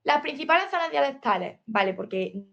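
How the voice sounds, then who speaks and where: Woman, Spain Spanish accent, somewhat high voice, lecture read from slides, steady with filler asides. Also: a little fast, gravelly, highs cut off. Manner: reads steadily, adds "eh" and "¿vale?" asides. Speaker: teacher presenting a topic.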